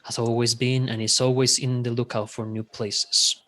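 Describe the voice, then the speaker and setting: A man's voice: mid-range voice, level tone, moderate pace, sharp tone, faint music behind. A man playing a tabletop role-playing game, speaking in character with hesitant restarts. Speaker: player voicing his character in a tabletop game. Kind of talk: in-character improvised role-play.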